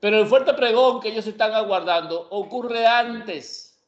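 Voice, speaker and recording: A man's voice: sits high, a little slow. Emphatic preacher man in an echoey room. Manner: emphatic, asks and answers his own questions. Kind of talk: Bible prophecy teaching. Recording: echoey room, dull lo-fi sound.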